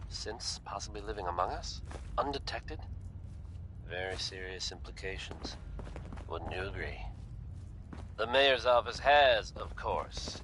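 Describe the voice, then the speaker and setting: Chatty game radio dj, folksy and wry, low but punchy bright voice. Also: male voice, a little hiss or hum, low-quality recording. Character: smooth-patter male radio DJ addressing his listeners. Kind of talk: radio DJ patter in a video game.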